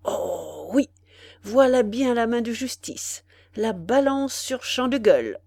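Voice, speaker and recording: A woman's voice: a little high, sing-song, slow, creaky, warm tone, no room sound, exaggerated voice. A woman voicing a timid, greedy old male concierge who mutters fretfully and breathlessly to himself. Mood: gloating.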